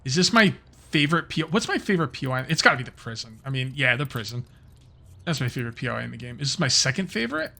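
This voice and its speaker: A man's voice: medium pitch, very animated, rapid-fire, gravelly, sharp tone. A man giving casual, rambling let's-play commentary, talking to his viewers as he plays. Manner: chatty, rambling, talks to viewers while playing. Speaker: gaming YouTuber.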